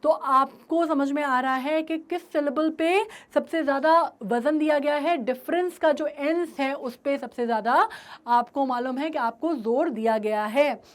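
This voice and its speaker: High-voiced Indian woman teaching a poem. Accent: Indian English. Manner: switches between Hindi and English, checks understanding often, reads lines slowly. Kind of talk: classroom-style lesson explaining a poem.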